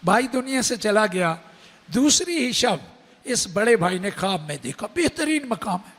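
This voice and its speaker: Impassioned high-voiced preacher in a hall. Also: male voice, sing-song, fairly bright tone. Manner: impassioned, rising to high pleading tones, slowing on Arabic phrases. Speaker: Shia preacher. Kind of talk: emotional sermon with storytelling. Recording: long hall reverb.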